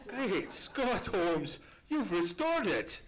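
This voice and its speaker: An actor playing a courteous gentleman doctor who narrates an old-time radio mystery in a measured, literary, theatrical way. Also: high-pitched, big pitch swings, heavily acted. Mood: flustered, amazed. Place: live on a theatre stage. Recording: noisy live stage recording, clicks.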